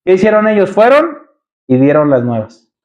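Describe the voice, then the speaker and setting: A man's voice: high-pitched, sing-song, moderate pace, darkish tone. A man with a Mexican accent preaching a sermon as pastor, firing rhetorical questions and addressing his congregation as brothers. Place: church.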